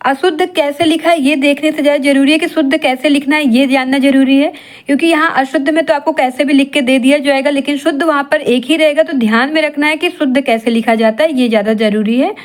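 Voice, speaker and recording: A woman teaches an exam-prep grammar lesson. She works through each item in a steady, repetitive rhythm. She poses questions and answers them herself. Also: sits high, fast talker. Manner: steady repetitive drilling, asks and answers her own questions.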